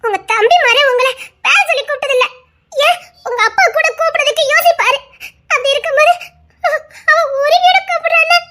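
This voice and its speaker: A woman's voice: brisk, bright, forceful tone, a little hiss or hum. A woman voicing a distraught young wife who is tearful and accusing in an audio drama. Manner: shrill, accusing, near tears.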